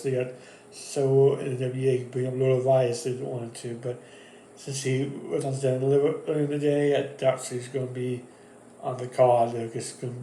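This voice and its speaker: A man's voice: medium pitch, dark tone, slight background noise. Rambling man in an echoey room. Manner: rambling, with many fillers and restarts. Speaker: wrestling channel host. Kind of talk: casual wrestling predictions monologue.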